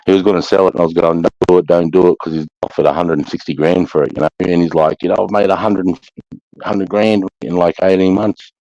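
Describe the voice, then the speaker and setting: Deep-voiced blokey Australasian man, slangy. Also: fairly even intonation, fast, warm tone, no echo. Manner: blokey, slangy, swears freely. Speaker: host of a live chat. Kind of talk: casual chat. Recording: dull lo-fi sound.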